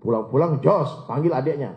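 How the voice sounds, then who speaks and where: Lively, humorous male preacher in an echoey hall. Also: mid-range voice, fairly quick. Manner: lively, humorous, often addresses listeners as "Pak". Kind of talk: sermon. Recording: echoey hall, dull lo-fi sound.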